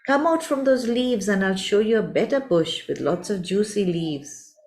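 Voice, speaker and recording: A woman's voice: medium pitch, lively intonation, moderate pace, darkish tone, voice pushed up, lightly acted. A woman voicing a sly, scheming sparrow in a storybook tale, coaxing and wheedling.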